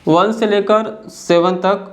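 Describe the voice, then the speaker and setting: A man's voice: high voice, steady tone, slow. A man teaching as he explains step by step, patiently repeating each point and checking in with the listener.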